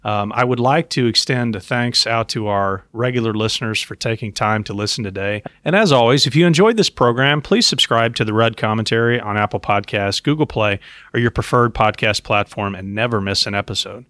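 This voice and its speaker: Brisk and fairly bright, with a lowish voice and no room sound, this man hosts a podcast and works in investment. He lays out advice, speaking directly to the audience and his co-host.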